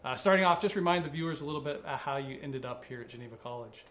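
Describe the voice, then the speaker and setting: Hosting a college sports interview, a man asks questions in a friendly, conversational manner, using fillers. His medium-pitched voice is fast and a bit bright.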